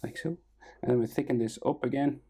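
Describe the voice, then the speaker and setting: A casual drawing tutor with a husky, low-key, mellow tone gives step-by-step drawing instruction, thinking aloud in a halting way. Background noise and music can be heard in the recording.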